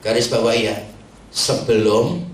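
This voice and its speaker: A man's voice: medium pitch, unhurried, crowd noise. A man, a pastor, preaching a humorous sermon to married couples and acting out people he has counseled. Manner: humorous, lively preaching with mimicked congregants. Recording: echoey hall from a distance.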